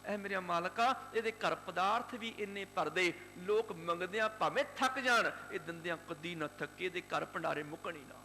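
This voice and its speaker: A poor, loving old grandmother , played by a preacher in his retelling pours out a fervent prayer. The voice sits high and bright, with a long hall reverb and a faint hum underneath. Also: moderate pace, few pauses.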